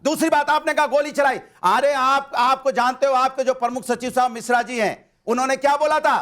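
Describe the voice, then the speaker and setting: Very high-pitched, fast insistent man. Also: steady tone, a bit bright. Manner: insistent, repeats demands, talks over others. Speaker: opposition party spokesperson on a TV debate. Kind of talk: heated televised political debate.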